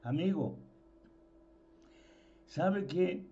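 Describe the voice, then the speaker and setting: Slow, emphatic preacher with a high voice. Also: male voice, animated, mellow. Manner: slow, emphatic, repeats words for stress. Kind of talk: informal sermon. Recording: dull lo-fi sound.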